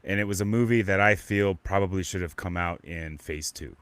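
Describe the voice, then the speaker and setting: A man's voice: deep voice, fairly quick, fairly bright tone, clean tone, dry recording. A man hosting a casual live podcast, talking in a rambling, stop-start way with lots of restarts and fillers. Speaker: podcast host. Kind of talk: casual live-stream chat.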